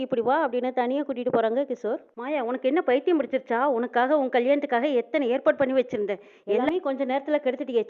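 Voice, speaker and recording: A woman quickly retelling a TV serial episode, voicing each character's lines in her own storytelling voice. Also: high voice. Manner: quick storytelling with reported speech. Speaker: serial recap narrator. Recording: phone-like narrow sound.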